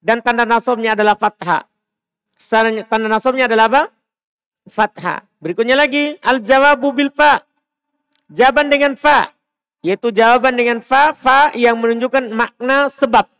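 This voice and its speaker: A man with a Makassar Indonesian accent teaching Arabic grammar in a mosque, quizzing students and slowly pronouncing Arabic examples. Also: extremely high pitch, creaky, fairly bright tone, clean tone. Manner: drills students with repeated questions, slows to spell out Arabic examples. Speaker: Islamic teacher.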